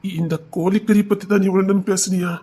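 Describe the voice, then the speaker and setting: A woman's voice: medium pitch, steady tone, fairly quick, warm tone, breathy edge, lightly acted. Sulky whiny young village lover, voiced by a woman. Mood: exasperated. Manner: whiny, pleading, mock-crying. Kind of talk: village romance drama acting.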